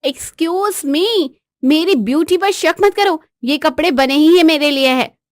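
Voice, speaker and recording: A woman voicing a bratty, defiant young newlywed wife in a bedtime storybook tale, cheeky and shrill. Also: animated, brisk, dry recording, clean studio sound. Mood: sassy.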